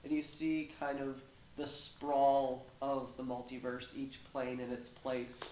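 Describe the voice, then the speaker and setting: A man's voice: mid-range voice, flat delivery, takes it slowly, warm tone. A man narrating part of a tabletop game and chatting as a player, with filler words and jokey asides. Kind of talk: casual tabletop chat. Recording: echoey room with faint noise.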